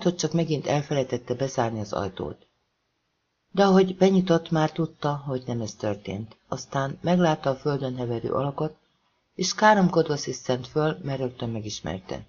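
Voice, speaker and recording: A man reading a thriller novel aloud as an audiobook narrator, pacing it with tense pauses. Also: mid-range voice, a little mellow, lo-fi sound.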